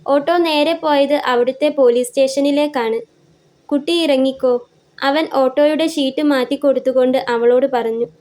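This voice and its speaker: High-voiced woman narrating a story. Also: steady tone, normal speed, a little mellow.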